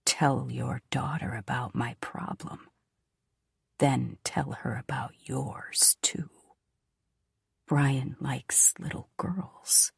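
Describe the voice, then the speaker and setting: A woman voicing a calm, menacing male captor who mocks his prisoners. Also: on the low side, unhurried, slightly rough, no room sound, clean studio sound, exaggerated voice.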